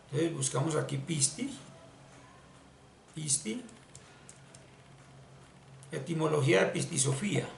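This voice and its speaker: A man teaching spiritual ideas in an explanatory lesson, talking slowly and deliberately and repeating words for emphasis. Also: fairly high pitch, creaky. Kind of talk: explanatory screen-share lesson. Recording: echoey room, distant mic, faint hiss.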